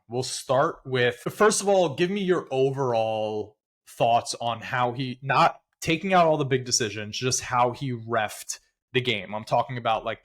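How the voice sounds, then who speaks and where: A man co-hosting a casual sports podcast, relaxed and conversational as he moves through the segments. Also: medium pitch. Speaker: podcast co-host.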